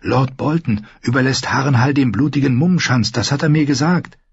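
A man's voice: medium pitch, brisk, slightly rough, dry recording, pitched above the performer's own voice. A man voicing a fierce, determined young girl in a storybook reading. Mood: urgent, determined. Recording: dull lo-fi recording.

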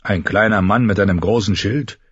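A man voicing a cocky, blunt sellsword in an audiobook reading, close to his own low voice. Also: moderate pace, husky, no room sound. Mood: mocking. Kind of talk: audiobook character voice. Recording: dull lo-fi recording.

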